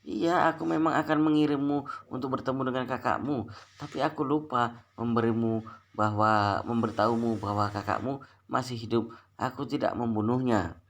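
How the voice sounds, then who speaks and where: A man voicing a cunning young man who talks with calm scorn. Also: mid-range voice, normal speed, close to an everyday voice. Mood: mocking. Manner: mocking, contemptuous.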